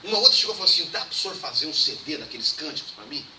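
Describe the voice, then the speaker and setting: Fast-talking young pastor in an echoey church. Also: male voice, a little high. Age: young adult. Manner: lively anecdotal preaching, acts out dialogue. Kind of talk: storytelling sermon. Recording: echoey church hall, mic far off, background noise.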